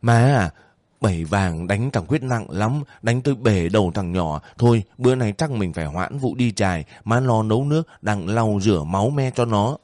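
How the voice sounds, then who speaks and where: A man's voice: lowish voice, animated, normal speed, a little mellow, dry recording, clean studio sound, natural voice. A man voicing a young rural fisherman speaking firmly and urgently.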